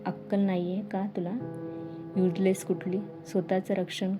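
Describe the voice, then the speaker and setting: A woman voicing an angry young male police inspector who scolds and shouts. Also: mid-range voice, flat delivery, measured pace, music in the background, lightly acted. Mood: scolding.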